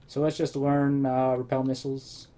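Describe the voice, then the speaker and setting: A man's voice: mid-range voice, little pitch movement, normal speed, dark tone, slight background noise. Rambling man narrating his gameplay. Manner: thinking aloud, rambling with restarts. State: slightly losing his voice. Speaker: let's play host. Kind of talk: casual gameplay commentary.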